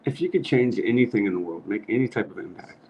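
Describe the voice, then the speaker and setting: A man's voice: on the low side, animated, quick pace, mellow. A man hosting a casual podcast chat, earnest and rambling, laughing at his own jokes. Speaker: podcast host. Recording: slightly muffled with faint noise.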